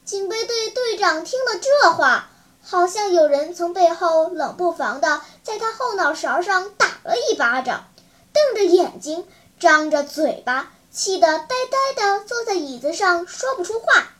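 A woman's voice: very high voice, lively intonation, measured pace, fairly bright tone. A woman narrating a children's story in a vivid, dramatic storytelling manner. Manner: vivid, dramatic, clear enunciation.

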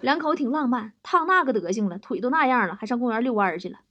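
A woman's voice: fairly high pitch, animated, fast, dull audio, heavy background noise. A woman telling a string of comic stories in a chatty way, laughing between the jokes. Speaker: joke teller. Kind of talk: comic storytelling.

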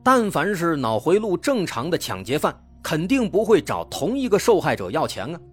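A man's voice: a little high, huge pitch swings, moderate pace, breathy edge, soft background music. A man narrates true crime stories in a conversational, explanatory way, posing rhetorical questions.

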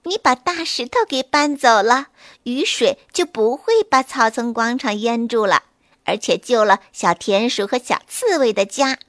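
Small clever gray rabbit, brisk and fearless, high bright voice, dry close sound, as a woman storyteller puts it on. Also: expressive, no echo. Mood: cheerful. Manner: brisk, cheerful, confident.

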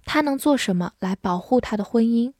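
A woman's voice: fairly high pitch, lively intonation, brisk, darkish tone, no room sound, clean studio sound. A woman hosting an English lesson, with scripted narration in an upbeat, inviting presenter tone. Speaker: lesson host.

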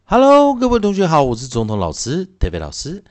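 A man teaching an English phonics lesson, slowly drawing out and repeating each sound for his students. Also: on the high side, huge pitch swings, no echo.

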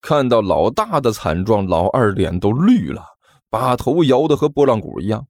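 Lively male audiobook storyteller. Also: mid-range voice, normal speed, dry recording, clean studio sound. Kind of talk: audiobook narration. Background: faint music.

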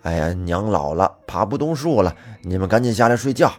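A man telling a folk story, voicing an old monkey demon pretending to be a mother, with a gruff scolding manner. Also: lowish voice, expressive, brisk, a little mellow. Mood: wheedling.

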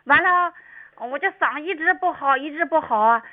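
High-voiced chatty Dalian woman. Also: normal speed. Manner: rambling, laughs often. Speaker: call-in guest. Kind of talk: chatty storytelling. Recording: dull lo-fi sound.

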